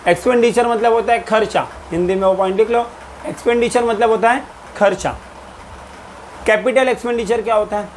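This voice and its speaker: Guy teaching accounts, kinda high voice, asks then answers his own questions. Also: fairly even intonation, a little fast, a little hiss or hum. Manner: explains in Hindi mixed with English terms, repeats and quizzes. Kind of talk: recorded lecture.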